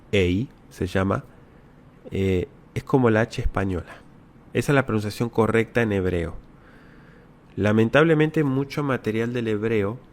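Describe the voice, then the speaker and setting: A low-pitched man from Latin America explains scripture to viewers in a patient teaching manner. He repeats his key words and keeps checking in with quick rhetorical tags. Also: a little mellow. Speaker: Bible teacher. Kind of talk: answering viewer questions.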